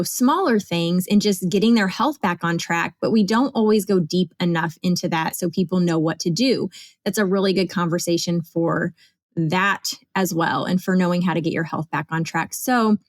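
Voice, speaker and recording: A woman's voice: lowish voice, no echo. A woman in her forties hosting a podcast in casual chat, reading sponsor codes and laughing often. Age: 40s. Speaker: podcast host.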